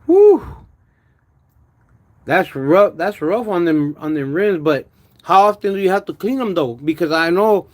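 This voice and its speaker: A man with a slurred, wet lisp from missing front teeth, chatting casually and haltingly in slangy speech as a car vlogger. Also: fairly high pitch. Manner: halting, stammered repetitions with pauses to manage saliva; slangy, uses "homie" and "dog", drops in Spanish words. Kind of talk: casual livestream chat about car work.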